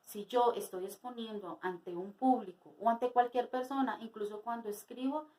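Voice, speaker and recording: Young adult woman teacher, fairly high voice, patient lesson delivery with questions to the class. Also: fairly even intonation, dark tone, low-quality recording. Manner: slow explanatory teaching with rhetorical questions. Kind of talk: spoken lesson for students.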